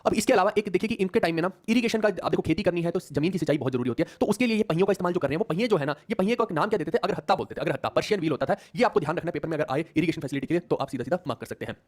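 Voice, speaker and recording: A man teaching history in a Hindi online class, his voice a bit higher than most and racing along at a very quick clip. He mixes English terms into his Hindi and keeps tossing "है ना?" at his students. He breaks off to tease them before diving straight back into exam points. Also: expressive. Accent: Hindi with English words mixed in. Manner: rapid, teasing, repeatedly checks in with "है ना?"; jokes with students mid-lesson.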